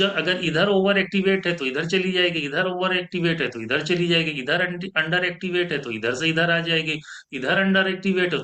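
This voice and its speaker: A man leads a spiritual teaching talk in a bright, clear voice. His pitch swings widely as he explains, and it climbs high when he quotes others. He works through each idea with repeated examples. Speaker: meditation teacher. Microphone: podcast mic.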